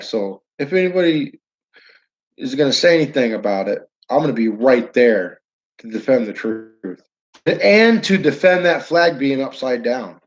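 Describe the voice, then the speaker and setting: A man with a northern New York accent and a medium-pitched voice hosts a casual livestream from his downtown building, rambling, restarting sentences and addressing viewers by name. The audio is dull.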